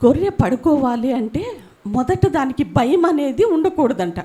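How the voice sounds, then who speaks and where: A woman preaches a sermon in a high voice. She pushes up loud and high for emphasis, then slows and softens for scripture. She tells stories with acted dialogue. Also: sing-song. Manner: storytelling with acted family dialogue.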